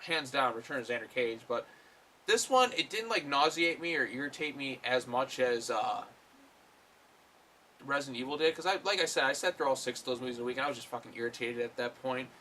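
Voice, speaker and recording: A man's voice: mid-range voice, lively intonation, fairly quick, sharp tone, slight background noise. A man giving a casual, rambling film review, full of fillers and blunt swearing. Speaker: movie reviewer.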